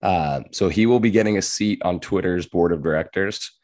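A man with a hoarse, raspy, worn-out voice hosting a podcast in an informal, jokey, chatty way. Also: sits low, moderate pace, a little mellow. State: hoarse, losing his voice. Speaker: podcast host. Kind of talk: casual podcast chat.

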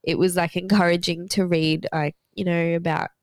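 A woman's voice: on the low side, little pitch movement, moderate pace, no room sound, clean studio sound. A woman podcast co-host chatting casually and reflectively, sounding congested with a head cold and a blocked nose. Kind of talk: casual chat.

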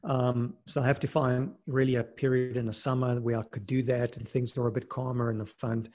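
A middle-aged interview guest who grew up in South Africa, working as an investment fund manager and climbing mountains, talks briskly in a medium-pitched voice. His manner is relaxed and casual, peppered with restarts and "you know."

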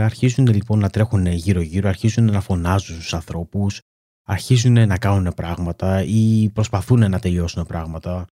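A man talks as a coach in a self-help lesson, laying out his points one by one in a calm, methodical way. His voice sits low with a mellow, slightly husky tone. The recording is dry and close. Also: no echo. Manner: calm, explanatory, steady teaching with lists and examples. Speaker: weight-loss coach. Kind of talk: self-help talk to camera.

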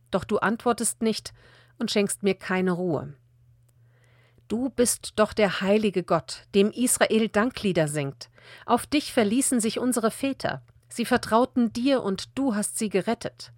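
A woman Bible reader delivers a scripted scripture reading in a calm, measured way, her voice at an ordinary middle pitch. The recording is close and dry, with no room sound and no echo.

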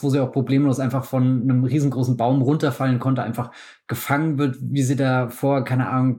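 A man's voice: medium pitch, darkish tone. A man co-hosting a podcast, musing at length about a film with frequent laughs and restarts. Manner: thoughtful, rambling, laughs often. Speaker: podcast co-host. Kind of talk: casual film discussion.

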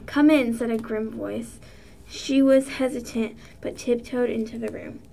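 A woman reading aloud a short spooky story, in a plain, steady storytelling manner. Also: a little high, unhurried, gravelly, a little hiss or hum. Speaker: story reader.

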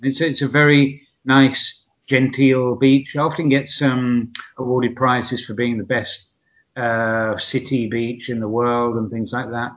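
A man's voice: medium pitch, level tone, measured pace, fairly bright tone. A man in his sixties from Essex with a southern English accent, chatting reflectively and hesitantly as an interview guest. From Essex, England. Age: 60s. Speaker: podcast guest. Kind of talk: conversational interview, personal anecdotes. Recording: dull, lo-fi audio.

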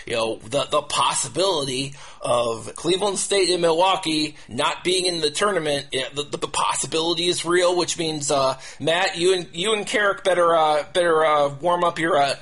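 A man with a fairly high, slightly bright voice hosts a casual sports talk podcast. His delivery is halting and repetitive, restarting phrases over and over.

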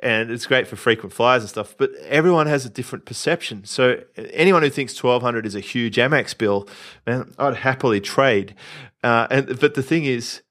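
A man from Australia hosts a casual podcast in a mid-range voice. He talks with confident, animated ease, dropping in stories and asides as he goes. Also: medium pitch, moderate pace. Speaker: podcast host, entrepreneur coach.

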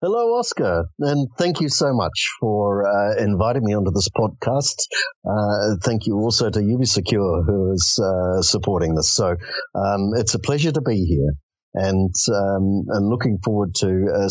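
A man's voice: on the low side, expressive, moderate pace, no room sound, rough recording. A man with a New Zealand accent, a podcast guest explaining his organization in a conversational, hesitant way with many fillers. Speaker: podcast guest, executive director. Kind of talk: conversational interview.

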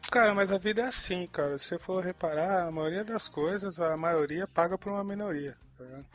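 A young man rambles through his opinions in slangy, casual podcast talk. His voice sits a little high. Faint music plays underneath. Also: a little fast. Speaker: podcast co-host. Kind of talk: casual chat.

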